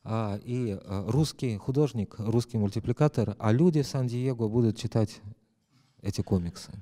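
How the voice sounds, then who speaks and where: A man's voice: medium pitch, moderate pace, warm tone. A man interpreting a lecture live, hesitant, with many fillers and self-corrections.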